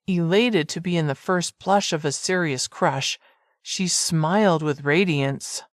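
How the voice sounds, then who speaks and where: A narrator reading a romance audiobook in an even, measured storytelling manner. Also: female voice, lowish voice, no room sound, clean studio sound. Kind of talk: scripted narration.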